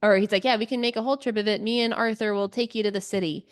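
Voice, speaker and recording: A woman co-hosting a book club podcast chats casually and expressively about books, readily slipping into quoted lines. Her mid-range voice is clean, with fairly even intonation, and she talks at a racing pace.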